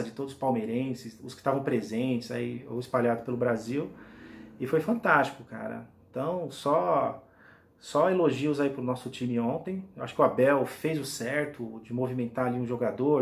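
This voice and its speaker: A man in his forties from Brazil talks straight to the camera about his team's goals. He is eager and rambling, with lots of restarts and "right?" tags, and his voice sits at an ordinary middle pitch. He is recorded in a small indoor room by a camera at desk distance. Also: creaky. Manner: enthusiastic, rambling with many restarts and tag questions. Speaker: football fan vlogger. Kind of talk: casual fan commentary to camera.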